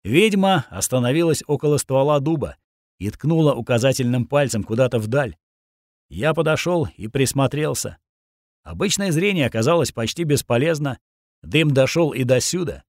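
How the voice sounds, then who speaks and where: A man narrating a first-person action audiobook in a steady, grim storytelling voice, recorded on a close studio mic. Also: mid-range voice, normal speed, no echo.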